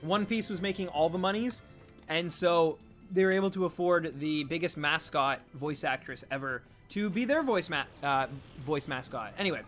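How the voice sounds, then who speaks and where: Animated man chatting on a live stream. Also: a little high, moderate pace, soft background music. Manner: animated, chatty, reads chat aloud. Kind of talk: casual live-stream chat.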